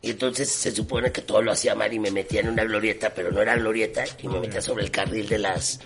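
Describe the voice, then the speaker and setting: A man's voice: on the low side, quick pace, crowd noise. A man with a Mexican accent, a podcast host in casual chat, telling a story and acting out the voices of the people in it. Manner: animated storyteller who acts out the voices of people in his stories.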